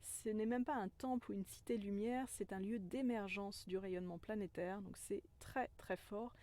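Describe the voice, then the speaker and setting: A woman who works as a spiritual guide tells a personal story in a gentle, earnest manner. Her voice is warm and mellow, pitched in an ordinary middle range. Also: steady tone, normal speed. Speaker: spiritual guide, self-described medicine woman.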